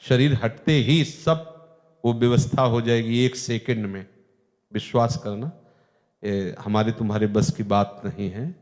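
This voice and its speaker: Slow, dark-voiced spiritual teacher in a hall. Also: male voice, mid-range voice, steady tone. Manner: earnest, emphatic devotional teaching. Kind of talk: devotional discourse. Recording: long hall reverb.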